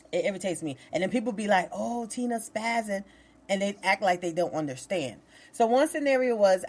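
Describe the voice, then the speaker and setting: Woman, podcast host, casual storytelling, animated, exasperated, slang-heavy. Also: medium pitch.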